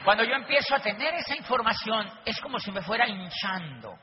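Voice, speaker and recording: A man with a notably high voice delivers an emphatic motivational talk, driving points home by repeating them. The sound is dull and lo-fi. A faint hiss sits underneath. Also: sing-song, fairly quick. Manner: emphatic, repeats key lines, addresses audience. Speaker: motivational business speaker. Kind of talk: motivational talk with acted anecdotes. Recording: dull lo-fi recording with faint noise.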